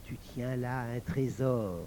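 A sly old devil, as a male storyteller puts him on, confides his schemes slowly and deliberately. His voice is close to the reader's own, with a knowing edge. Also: mid-range voice, warm tone, slight background noise, voice pushed down, close to an everyday voice, low-quality recording. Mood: scheming.

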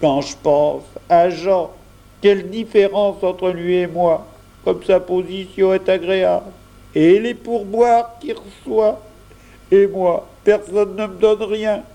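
A man voicing a sulky young shop boy who pleads and complains in a high, whining voice. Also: lively intonation, very slow, a little mellow, full character voice. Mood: self-pitying. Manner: whiny, complaining, rising pitch.

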